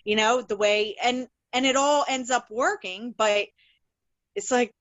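A woman plumber talking casually in a podcast conversation, chatty and rambling, full of fillers and restarts, and animated when she tells stories. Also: a little high, unhurried, no room sound, highs cut off. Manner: animated, laughs while telling stories. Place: works in Philadelphia.

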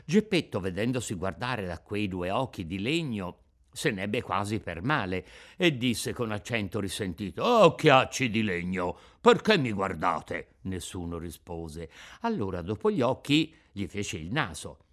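A man reading a children's tale aloud as narrator, with expressive, rising and falling storytelling. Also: lowish voice, unhurried. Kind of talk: scripted narration. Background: faint music.

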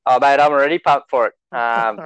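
A man's voice: medium pitch, fairly quick, clear, resonant tone, dry recording. An Australian man co-hosting a sports podcast in casual, matey conversation, recorded on slightly dull lo-fi audio. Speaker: fantasy rugby league podcast co-host.

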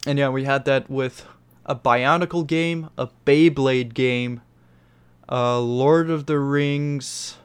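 A man with a blocked, congested nose hosts a casual podcast in a smooth, clear voice. He rambles and swears freely. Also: mid-range voice, steady tone, slow pace. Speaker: podcast host. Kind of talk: casual chat.

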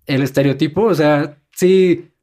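Young Mexican man telling stories. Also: a little slow. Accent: Mexican Spanish. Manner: animated, mimics people in high voices. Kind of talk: casual storytelling chat.

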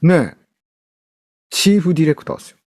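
A man with a Kansai accent co-hosting a podcast in casual chat, relaxed as he tells the story, with playful jokes. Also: fairly high pitch, fairly quick. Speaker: podcast co-host.

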